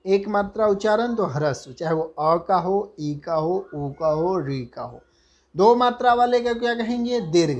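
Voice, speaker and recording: Slow man chanting Sanskrit sutras. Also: sits high, darkish tone. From India. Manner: slow, deliberate, chants sutras with drawn-out syllables; asks himself questions and then answers them. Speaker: Sanskrit grammar lecturer. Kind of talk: university lecture.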